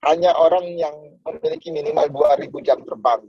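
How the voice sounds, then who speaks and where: A man's voice: very animated, a little fast, creaky, slightly rough, no echo. Motivational man on a muffled call. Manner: acts out dialogue and preaches, swings to sudden high exclamations. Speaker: network marketing motivational speaker. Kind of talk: motivational business talk. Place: online video call. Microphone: video call.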